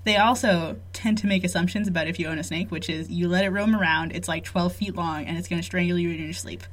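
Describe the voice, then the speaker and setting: A woman's voice: on the low side, steady tone, fast. A woman co-hosting a casual, joking podcast, bantering playfully and self-deprecatingly while recording under blankets in a small fort. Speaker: podcast co-host.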